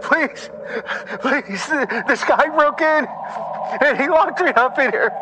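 A man's voice: very high voice, animated, slow pace, background noise, pitched above the performer's own voice, full character voice. A man voicing a frightened trapped man desperately pleading for help.

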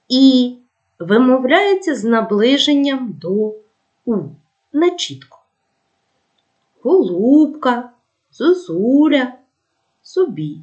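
A woman's voice: a little high, a little mellow. A middle-aged woman teaching a recorded school language lesson, carefully over-enunciating each example word. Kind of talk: recorded distance-learning lesson.

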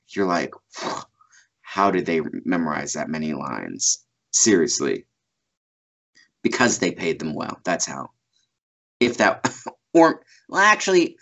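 Deep and fairly bright, this man's voice comes through muffled video call audio as he chats in a casual interview from a small room at home. He's a voice actor guest in his thirties who rambles, laughs a lot, and keeps restarting with many fillers.

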